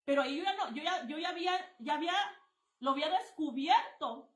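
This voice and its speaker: A woman minister giving a personal testimony during a live-streamed Bible reading, earnest and animated, speaking to listeners as brother and often restarting her sentences. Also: high voice, fairly quick, roomy sound.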